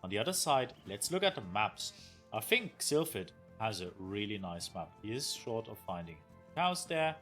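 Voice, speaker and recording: A man's voice: fairly low pitch, very animated, normal speed, a bit bright. A young man with a German accent commentating a strategy game match as a caster, enthusiastic and sometimes searching for words. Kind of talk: esports commentary. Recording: faint game music behind.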